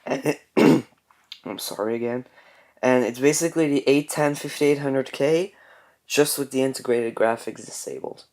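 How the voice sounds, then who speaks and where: A young man casually talking through computer parts for a budget build, relaxed, with frequent ums and restarts. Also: medium pitch, moderate pace. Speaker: tech video creator. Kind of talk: casual product walkthrough.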